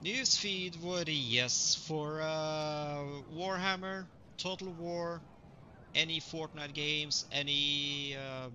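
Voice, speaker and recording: A man's voice: fairly high pitch, slow pace, slight background noise. A man streaming a strategy game, chatting casually with viewers as he plays. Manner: relaxed, chatty, greets viewers. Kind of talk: live gaming commentary.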